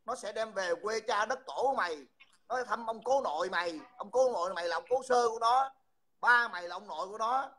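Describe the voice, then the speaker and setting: A man's voice: high-pitched, fairly quick, pushed and bright. A man, hosting a livestream and mockingly insulting someone over and over. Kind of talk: heated livestream taunting.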